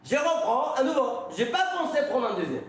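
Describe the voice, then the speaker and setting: In a very echoey room, a rabbi gives an informal religious lesson, telling stories and putting questions to his listeners in a conversational way. His voice is extremely high-pitched, with big swings in pitch, and he speaks briskly over slight background noise.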